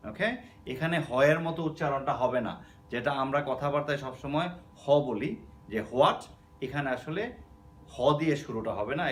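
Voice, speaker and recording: The speaker is a man with a Bangladeshi accent giving a spoken English lesson, patiently repeating words and asking "okay?" to check on his students. His voice sits a little high with a fairly bright tone, and there's a faint hiss or hum.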